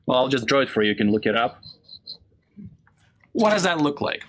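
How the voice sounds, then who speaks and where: A Hebrew-speaking man from Israel teaches a Bible lesson in a classroom with a live audience, animatedly quizzing them with questions. His voice is medium-pitched and a little fast.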